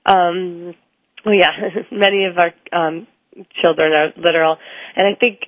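A woman's voice: lowish voice, fairly even intonation, unhurried, dry recording. A woman speech therapist answering interview questions at length, explaining things with frequent ums and restarts. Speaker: speech language pathologist guest. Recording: tinny phone-like line, dry.

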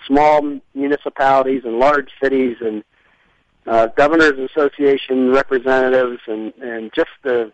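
A man with a head cold explaining things as an expert radio guest, halting, thoughtful and long-winded. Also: mid-range voice, dry recording. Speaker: interview guest, environmental scientist. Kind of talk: explanatory radio interview talk. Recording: dull lo-fi radio sound.

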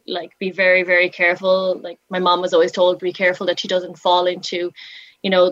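A woman's voice: fairly low pitch, a bit bright, no room sound. West of Ireland woman, dry dull recording. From Galway, west of Ireland. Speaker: interview guest, former model. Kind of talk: conversational interview, personal storytelling. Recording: slightly dull, band-limited audio.

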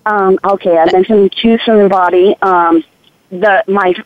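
A woman caller heard through a clipped, narrow phone line. She speaks haltingly and restarts often. The sound is dry, with no room around it. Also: mid-range voice, fairly even intonation, no echo. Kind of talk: call-in chat.

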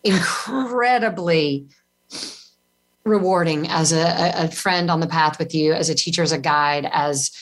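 A woman guest, a yoga teacher, talking in an effusive, animated way and laughing often during a casual interview. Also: deep voice, a little slow.

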